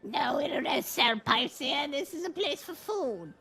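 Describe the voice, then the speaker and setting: A man voicing an obnoxious kobold tavern keeper in squeaky, yappy lizard chatter through a voice changer, in a tabletop game. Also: expressive, a little slow, gravelly, pushed and bright, faint music behind, heavily acted. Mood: curt, impatient. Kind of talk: tabletop role-play character.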